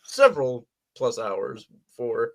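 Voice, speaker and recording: A man's voice: mid-range voice, big pitch swings, takes it slowly. Man chiming in with casual replies. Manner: brief agreeing replies. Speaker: podcast co-host. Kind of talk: casual chat.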